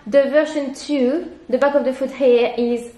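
Stuffed up from a cold, a young woman reviews running shoes to camera from her living room, indoors at home. She's a running vlogger, chatty and upbeat, going step by step. Her voice sits high with fairly even intonation, a dark tone and a slightly slow pace, and the recording is rough with room echo.

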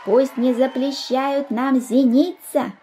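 A woman doing a squeaky little schoolboy. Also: fairly even intonation, slow, dark tone, a faint crowd, slight background noise. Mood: piping. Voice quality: thin, squeaky. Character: squeaky tiny schoolboy in the crowd.

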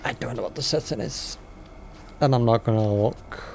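A man's voice: medium pitch, moderate pace, gravelly, a little hiss or hum. A man casually commentating while playing a horror game, rambling and easily startled. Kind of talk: casual let's-play commentary. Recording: game music loud behind him.

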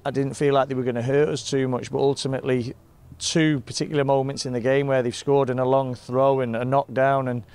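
A man, a football manager giving a measured, frustrated post-match interview outdoors. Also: mid-range voice, darkish tone. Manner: measured, frustrated, plain-spoken. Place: outdoors in front of a sponsor board.

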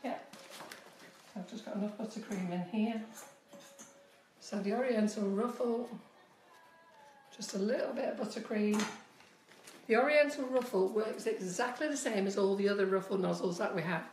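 A chatty, direct woman in her fifties teaches cake decorating on a live stream from her roomy home kitchen, addressing viewers with a slight cold squeak in her voice. She's at a moderate pace with long pauses and a slightly mellow tone. The distant phone mic picks up echo and slight background noise, and she's often off-mic.

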